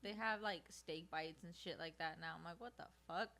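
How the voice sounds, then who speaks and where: A woman in her twenties chatting on a podcast in a studio, telling lively, gossipy stories. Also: sits low, normal speed. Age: 20s. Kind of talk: casual chat.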